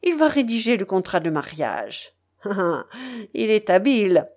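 A woman voicing a domineering male pirate, loud, commanding and boisterous. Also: medium pitch, very animated, slow. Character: domineering male pirate count, thundering and jovial.

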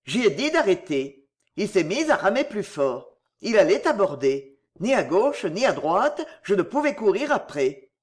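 A reader doing a blunt country gamekeeper, rough and plain-spoken. His voice climbs and dips a lot as he tells it, in the manner of an audiobook character. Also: sits high, sing-song, measured pace, full character voice. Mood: urgent. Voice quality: rural working-class speech. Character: rustic male gamekeeper, shaken and blunt.

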